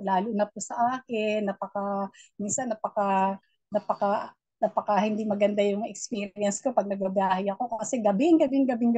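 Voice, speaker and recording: A middle-aged woman mentor giving a motivational training talk, with a naturally loud voice and a preachy, encouraging manner. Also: mid-range voice, no room sound, lo-fi sound. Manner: loud voice, warm and preachy, mixing English in. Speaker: network marketing mentor.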